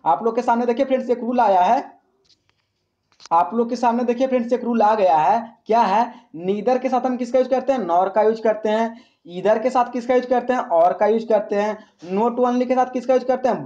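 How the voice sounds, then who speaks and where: Mellow-voiced man teaching grammar. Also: very high-pitched, brisk, lo-fi sound. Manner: repeats questions to the class, then answers them; calls listeners "friends" often. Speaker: English teacher. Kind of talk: exam-prep grammar lesson.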